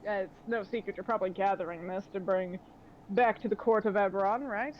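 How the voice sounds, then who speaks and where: A woman's voice: mid-range voice, brisk, close to an everyday voice. A woman voicing a suave, scheming man who bargains with mock politeness in a tabletop game, on a slightly dull recording with faint noise. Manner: smooth, theatrical, mock-polite. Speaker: game master.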